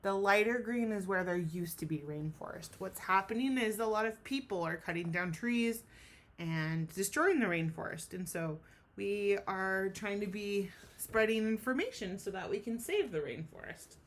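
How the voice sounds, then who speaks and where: Reading a storybook to a group of children, a woman teacher uses a mid-range voice at normal speed. Her delivery is enthusiastic and expressive, and she addresses the young audience directly with questions and explanations.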